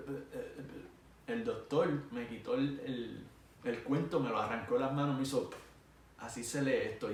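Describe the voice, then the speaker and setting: A young man with a Puerto Rican Spanish accent tells a story out loud in a casual, lively way, and he acts out the voices of drill instructors yelling at him. He sounds a bit far from the mic, in a very echoey room with faint background noise. His pitch sits in a middle range. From Puerto Rico. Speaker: vlogger.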